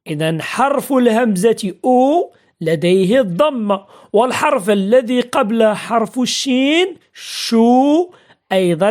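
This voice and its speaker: A woman teaching a spelling lesson, patiently asking and answering her own questions and drilling example words slowly. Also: on the high side, a little mellow. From Morocco.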